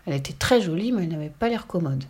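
A woman reading a children's storybook aloud in a lively, expressive way. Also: on the low side, rapid-fire, slightly rough.

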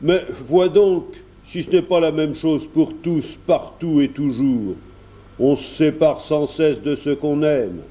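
A man voicing a kindly, fatherly gentleman in a storybook reading, speaking gently and encouragingly. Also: a little high, slow, pitched above the performer's own voice.

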